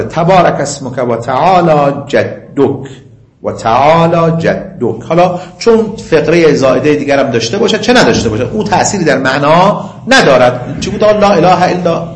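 A man lecturing on religious law, reciting Arabic passages slowly and explaining them in quick, conversational asides. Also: a little high, roomy sound. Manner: slow chanting of quoted Arabic, quick asides. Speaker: seminary lecturer.

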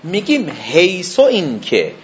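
A man's voice: high voice, wildly swooping pitch, highs cut off. A man teaching a seminary lesson, explaining step by step, repeating points and checking whether his students follow. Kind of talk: didactic lecture.

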